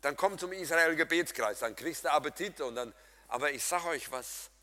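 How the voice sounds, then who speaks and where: Male preacher with a bright, forceful voice, lively and humorous with his congregation, swinging loud to soft, recorded in a hall with a long reverb. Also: fairly high pitch, moderate pace. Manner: swings between loud emphatic and soft quiet passages. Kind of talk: sermon.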